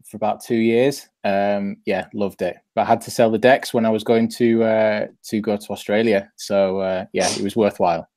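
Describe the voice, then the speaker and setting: A man's voice: lowish voice, fairly even intonation, moderate pace, hardly any pauses, a little mellow, dry recording. Easygoing man, cheeky. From Bradford, Yorkshire. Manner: easygoing, cheeky, lots of ums and yeahs. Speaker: guest nutritionist and personal trainer. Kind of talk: casual live-stream chat.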